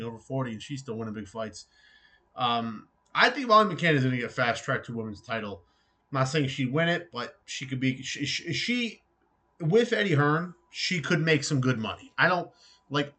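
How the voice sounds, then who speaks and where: A man's voice: mid-range voice, pushed and bright. A man hosting a boxing recap show, talking casually with many fillers and restarts as he runs through the weekend's results.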